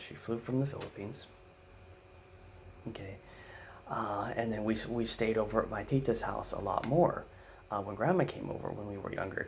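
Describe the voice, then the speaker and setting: A man's voice: fairly low pitch, a little hiss or hum. A man from the United States telling a comic family story, rambling with fillers and frequent "right?" asides. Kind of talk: comedic storytelling.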